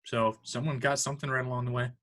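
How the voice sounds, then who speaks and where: A man's voice: medium pitch, little pitch movement, fast talker, fairly bright tone. A young man hosting a casual podcast, running a trivia game, teasing his co-hosts and laughing often. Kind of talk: casual chat.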